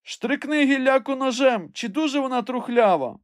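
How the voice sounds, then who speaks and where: A man doing a frantic, high-voiced gentleman. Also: lively intonation, moderate pace, no room sound, studio quality. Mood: anxious. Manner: agitated, commanding, trembling. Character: excitable obsessed gentleman treasure hunter.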